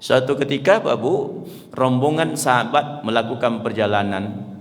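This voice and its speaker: A man preaching a lively storytelling sermon, often addressing listeners directly. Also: mid-range voice, normal speed. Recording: reverberant hall.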